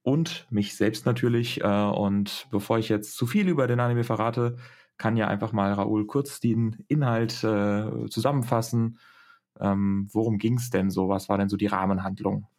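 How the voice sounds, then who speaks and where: A young man with a fairly low voice hosts a casual discussion. He explains in a rambling, halting way, often searching for the right word. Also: steady tone, darkish tone. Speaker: podcast host.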